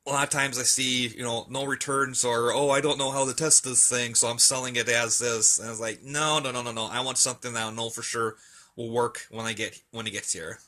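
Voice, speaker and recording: Filming from behind a handheld camera, a man casually shows off his collection of radios on shelves in an indoor room, stumbling a bit as he looks for the right words. He speaks fairly quickly at medium pitch, with fairly even intonation and a sharp tone.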